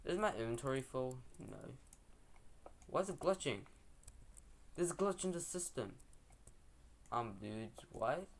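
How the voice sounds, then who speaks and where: A man's voice: medium pitch, animated, unhurried, vocal fry, pauses often. A young man giving casual, rambling, slangy gameplay commentary as a video host.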